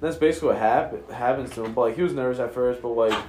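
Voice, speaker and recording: A man's voice: medium pitch, fast talker, a crowd in the background. A young man casually telling stories like a frat bro, swearing and padding sentences with filler slang. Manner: frat-bro slang, heavy use of "like", profane. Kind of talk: casual storytelling. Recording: echoey room.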